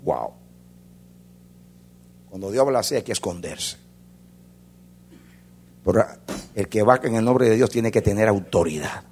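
A man preaching a sermon as a pastor, swinging between loud fervor and hushed intensity. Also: fairly low pitch, expressive, measured pace, pauses often, a little hiss or hum.

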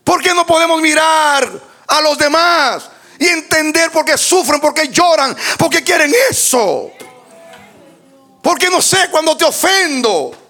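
High-voiced dramatic male preacher. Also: lively intonation, unhurried, soft background music. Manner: dramatic, swings from shouts to hushed near-whispers. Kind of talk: sermon.

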